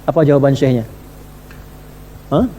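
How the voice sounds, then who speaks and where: A man preaching a sermon to a live audience in a conversational way, asking questions and swinging between emphatic and hushed delivery. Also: mid-range voice, expressive, unhurried. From Indonesia. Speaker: Islamic preacher. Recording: reverberant hall with faint noise.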